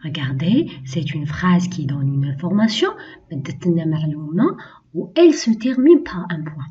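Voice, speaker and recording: A woman with an Algerian accent teaching French to young children, speaking slowly, repeating key phrases and switching into Algerian Arabic to explain. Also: low voice, big pitch swings, mellow. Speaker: primary school French teacher. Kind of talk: classroom lesson for children. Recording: distant, dull lo-fi recording.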